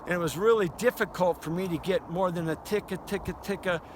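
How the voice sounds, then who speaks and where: An older man, a duck calling instructor, gives a casual hunting lesson in a folksy, conversational manner outdoors by a river. His voice is high and he talks fast. The noisy recording picks up outdoor ambience and duck call quacks.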